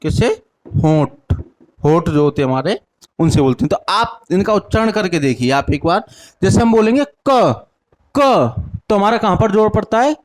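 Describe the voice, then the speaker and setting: A young man teaching a lesson with a north Indian Hindi accent. He asks each question, answers it himself, repeats the answer, and sounds out syllables slowly one by one. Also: high voice, big pitch swings. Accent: Hindi-speaking north Indian. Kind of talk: classroom lesson with call-and-response drills.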